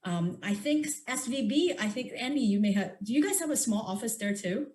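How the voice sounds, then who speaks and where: A woman's voice: on the high side, animated, a little fast, darkish tone. Upbeat woman. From Hong Kong. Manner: upbeat, enthusiastic, with frequent fillers. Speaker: venture investor panelist. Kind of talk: panel discussion.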